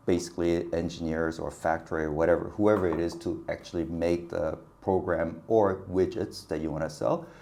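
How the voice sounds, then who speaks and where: A creaky, very low-voiced man, here as a guest and business consultant, relates work anecdotes in a laid-back interview. His delivery is animated, full of laughter, with quoted lines acted out.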